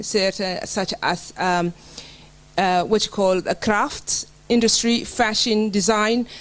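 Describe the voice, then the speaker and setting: A woman's voice: mid-range voice, poor audio. Earnest hesitant woman panelist from Somaliland. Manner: hesitant, many fillers and restarts, earnest. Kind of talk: panel speech.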